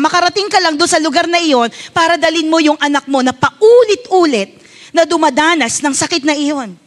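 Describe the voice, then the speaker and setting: High-voiced Filipino woman pastor preaching. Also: a bit bright. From Philippines. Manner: tells a personal story as a mother. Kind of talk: sermon.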